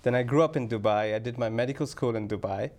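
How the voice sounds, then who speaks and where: A man's voice: medium pitch, fast talker, darkish tone. A man from Bangladesh, a cardiologist guest on a call-in medical show, talking in a matter-of-fact, casual way.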